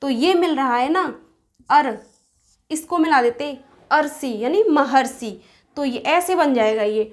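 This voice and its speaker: Woman teacher with a high voice, explaining grammar step by step and answering her own questions. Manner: asks questions then answers them herself; slows down to spell out sounds and examples. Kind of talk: Hindi grammar lesson at a board.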